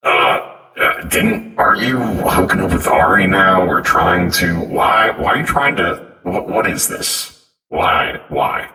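A man's voice: low-pitched, lively intonation, slow, bright, forceful tone, reverberant, low-quality recording. A man talking through a voice changer mixed with auto-tune, a tabletop game player roleplaying in blunt, teasing banter. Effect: voice changer filter mixed with auto-tune.

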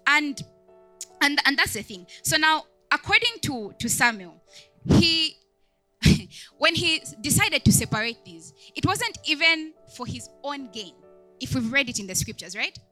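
A woman's voice: high voice, big pitch swings, a little slow, pushed and bright, soft background music. A young woman, a deaconess, giving a conversational sermon, chatty, with many asides and questions put to the congregation. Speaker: deaconess preaching.

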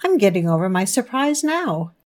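A stern but fair older spinster, firm and measured, as a woman plays her. Her voice moves lively up and down in a radio play. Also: mid-range voice, lightly acted. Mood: calm.

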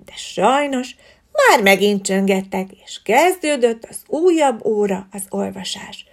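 A woman reading a children's story aloud in an expressive, lilting storybook manner. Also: mid-range voice.

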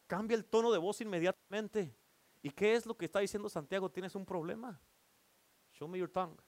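A man's voice: sits high, fairly quick, a little mellow. A male pastor preaching a sermon in church, playful and teasing as he keeps calling for amens from the congregation.

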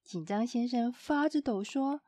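A woman narrating a children's storybook in a gentle, expressive storytelling manner. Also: fairly high pitch, a little slow, no echo, clean studio sound.

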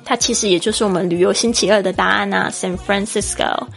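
A woman's voice: medium pitch, fairly even intonation, fairly quick, gravelly, fairly bright tone, faint music behind. A woman from Taiwan with a Taiwanese Mandarin accent, hosting a podcast English lesson in a chatty, explaining way and spelling words out letter by letter. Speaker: English teacher and podcast host.

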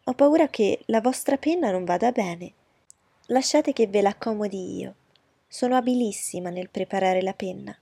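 A woman's voice: mid-range voice, moderate pace, vocal fry, mellow, husky, dry recording. A woman reading aloud voices a young society lady who fawns eagerly and insists on her compliments. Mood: gushing.

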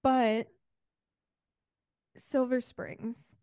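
Female podcast co-host, fairly high voice, playful casual banter, dry close sound. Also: level tone, very slow, darkish tone, clear, resonant tone, no echo. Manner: playful, laughs easily. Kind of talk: casual chat.

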